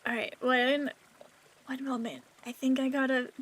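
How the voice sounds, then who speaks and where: A woman with a high voice chats as a livestreamer. Her delivery is cute in an anime-streamer way, and she rambles casually and informally to the people watching. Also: flat delivery, unhurried, fairly bright tone. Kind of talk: casual rambling chat with viewers.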